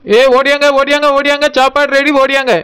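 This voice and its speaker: A woman voicing a loud village daughter-in-law calling the family to eat, with a Tirunelveli Tamil accent. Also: high-pitched, level tone, brisk, heavy background noise, voice pushed down, natural voice. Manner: shouting calls.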